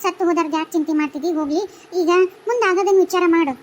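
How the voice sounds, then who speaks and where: Motherly ghost put on by a woman, cartoon, North Karnataka Kannada accent, calm, high, quick. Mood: soothing. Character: kindly older female ghost mother, soothing.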